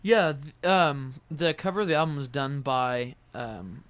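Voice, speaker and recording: Man, band guest on radio, casual and rambling, lots of fillers, mid-pitched voice. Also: measured pace, a bit bright, clear, resonant tone, no echo. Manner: rambling, hesitant, many ums and restarts. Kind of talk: casual radio interview chat. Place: radio studio.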